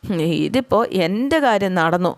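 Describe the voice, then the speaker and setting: A woman's voice: medium pitch, animated, normal speed, dry recording, studio quality, close to an everyday voice. A woman voicing a grieving, furious middle-aged mother who scolds her son through tears. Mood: accusing. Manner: accusing, tearful scolding.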